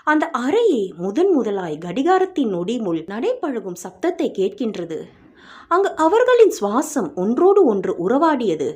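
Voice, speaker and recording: Expressive woman reading a story. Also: fairly high pitch. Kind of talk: scripted audio story narration.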